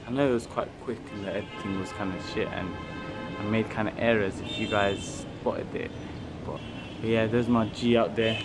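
A man's voice: on the low side, normal speed, over loud music. A young man chatting casually and slangily in a travel vlog, recorded on a phone. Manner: relaxed, slangy, rambling. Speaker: vlogger. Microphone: phone camera. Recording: phone video with loud background noise.

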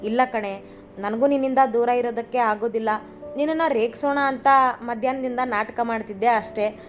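A woman's voice: fairly high pitch, normal speed, a little mellow, natural voice. A woman voicing a young husband who fakes anger to tease his wife, then turns affectionate. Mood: tender teasing. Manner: mock-stern then affectionate teasing. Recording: slightly dull recording, faint music.

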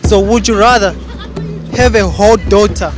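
A man's voice: high voice, moderate pace, crowd noise. A young man fires cheeky, slang-filled questions at passers-by on a suburban street. He speaks into a phone held like a mic, and a music bed plays underneath. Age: young adult. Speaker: street interviewer. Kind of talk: street interview.

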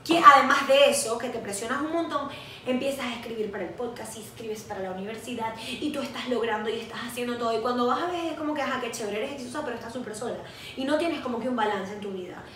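A Venezuelan woman with a sharp, lively voice, a little high and fast, co-hosts a podcast. In casual chat she tells stories with energy and laughs at herself, and the recording comes from an echoey room with a far-away mic and faint hiss.

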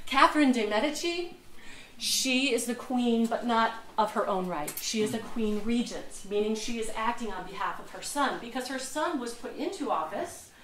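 A woman docent gives a relaxed history talk, chatting easily and laughing at her own slips. Her voice sits somewhat high. She is picked up from a distance in a roomy, echoing space with faint noise underneath. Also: moderate pace. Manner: chatty, laughs at herself, loses words. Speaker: museum docent. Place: museum lecture room. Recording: echoey room, mic far off.

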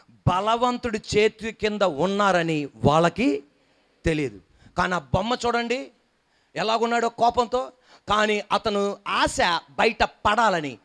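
High-voiced man preaching emphatically. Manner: emphatic preaching, rising to loud questions; coaxes the congregation to repeat and smile. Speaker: pastor. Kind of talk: sermon. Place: church hall before a congregation.

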